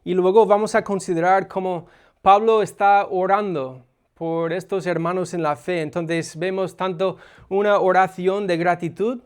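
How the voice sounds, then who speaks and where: A preacher with a high, smooth, resonant voice. He explains his text in a conversational way and often pauses on small hesitations. The delivery is relaxed and teaching rather than forceful. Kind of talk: expository sermon.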